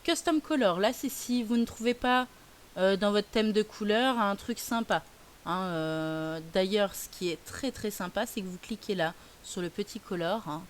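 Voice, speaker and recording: A woman explaining a software tutorial as a teacher, chatty and hesitant with many fillers. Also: mid-range voice, normal speed. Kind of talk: screen-recorded tutorial. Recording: faint hiss.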